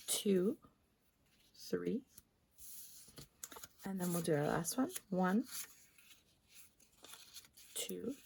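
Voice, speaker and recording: In a chatty card-making tutorial, a woman thinks aloud while demonstrating her technique, now and then lowering into soft asides. Her voice is lowish and slightly rough, with vocal fry.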